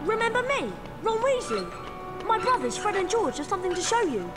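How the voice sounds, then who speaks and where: A woman's voice: extremely high pitch, very animated, a little fast. A woman playing an eager, friendly, chirpy young schoolboy wizard in a game. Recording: game audio under loud music.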